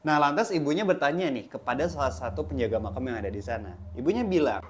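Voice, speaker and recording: A man's voice: mid-range voice, animated, fast, a little hiss or hum. A man telling a horror story in a casual, chatty way, addressing his listeners directly.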